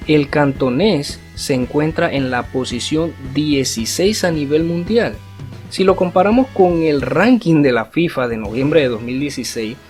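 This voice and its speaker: Casting: male online language teacher, mid-pitched, didactic and explanatory, with faint guitar music under him. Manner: didactic, asks rhetorical tag questions.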